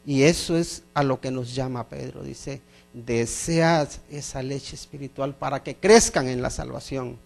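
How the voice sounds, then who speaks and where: A man's voice: mid-range voice, unhurried, gravelly. A middle-aged man preaching a sermon as pastor, emphatic, repeating phrases and asking the congregation questions.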